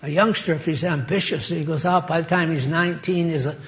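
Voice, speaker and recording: An older American man giving an informal sermon, conversational and halting with many fillers. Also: fairly high pitch, steady tone, a bit bright. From United States. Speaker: preacher.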